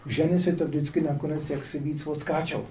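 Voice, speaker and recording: Older man, rhetorical and ironic lecturer on scripture, dark tone, echoey room, mic far off. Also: a little high, steady tone, slight background noise. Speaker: spiritual teacher. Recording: roomy echo, distant mic.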